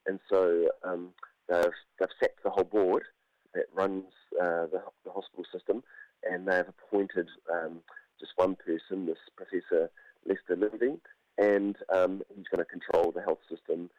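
A man, croaky from a cold, giving measured, halting analysis as a commentator in a radio interview. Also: low voice, level tone, no echo. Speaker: political commentator, university academic. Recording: dull, band-limited radio audio.

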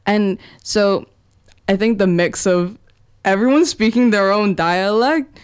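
A young indie musician from Wellington, New Zealand, chats casually as an interview guest in a playful, slangy way. Her medium-pitched voice is clear and resonant, and she speaks slowly.

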